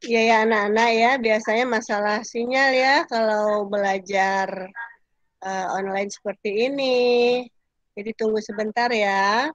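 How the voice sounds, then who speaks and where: A woman's voice: mid-range voice, fairly even intonation, a little slow, no room sound, dull audio. A woman teacher patiently telling her pupils to wait during an online class. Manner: patient, gentle. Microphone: video call.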